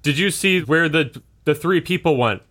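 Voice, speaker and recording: A man's voice: a little high, animated, moderate pace, fairly bright tone, voice pushed up. A man voicing a stern male town guard who questions travelers in a curt, demanding way.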